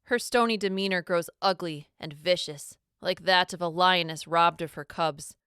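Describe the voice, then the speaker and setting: A woman narrating a storybook with an expressive, dramatic reading. Her voice is low-pitched, smooth and resonant, and it is recorded close and dry with no room sound. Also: moderate pace, no room sound.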